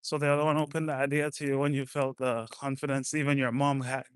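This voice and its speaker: A man's voice: medium pitch, little pitch movement, fast, clean tone, no room sound. A man from France, chatting casually and bluntly, swearing now and then. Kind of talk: casual chat.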